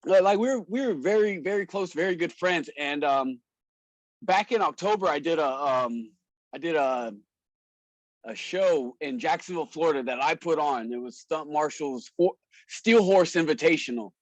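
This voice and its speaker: In a podcast interview, a wrestler and show promoter tells stories casually, full of slang and frequent laughter. His voice is fairly high at normal speed, recorded dry and rough.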